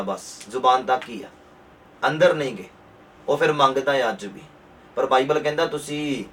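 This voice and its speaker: A pastor with a Punjabi accent preaching a sermon, repeating his points and rising to forceful emphasis. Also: mid-range voice, far from the mic.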